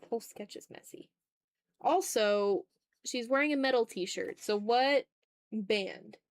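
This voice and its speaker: An art streamer with a fairly high voice speaks in an unhurried way. She draws during a livestream, chatting casually with the audience and murmuring as she works through each step.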